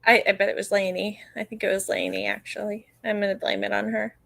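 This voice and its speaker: A woman's voice: mid-range voice, little pitch movement, quick pace, gravelly, fairly bright tone, no echo. A woman co-hosting a livestream in a casual, teasing way, joking with her partner and the viewers. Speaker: livestream co-host.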